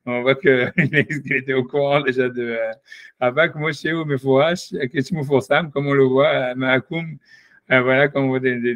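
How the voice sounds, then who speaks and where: A man teaching an informal Talmud lesson, thinking aloud in a halting way with many restarts. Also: mid-range voice, a bit bright, no room sound, lo-fi sound. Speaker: Torah study teacher.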